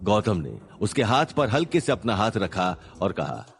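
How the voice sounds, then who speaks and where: Man, dramatic narrator, lively pitch, suspenseful storytelling. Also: moderate pace, vocal fry.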